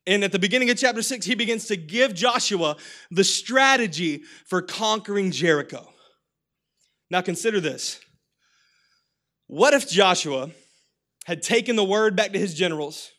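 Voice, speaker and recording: A man preaching with lively energy and humor, drawing the congregation into call-and-response. His voice sits high and bright, with a slight hoarseness. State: voice getting hoarse. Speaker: pastor. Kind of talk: sermon.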